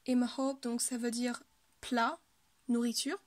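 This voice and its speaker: Slow, patient woman teaching pronunciation. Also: a little high, little pitch movement, no room sound. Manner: patient, repeats words slowly, frequent hesitations. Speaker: language teacher. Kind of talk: explanatory lesson.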